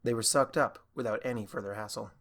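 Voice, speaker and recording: A man's voice: fairly low pitch, fairly even intonation, fast, fairly bright tone. Man narrating a fan fiction audiobook.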